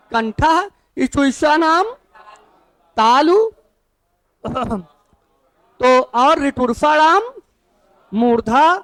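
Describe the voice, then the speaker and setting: A man teaching Sanskrit to a class, who asks his students questions and then answers them himself. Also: very high-pitched. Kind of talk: classroom lesson.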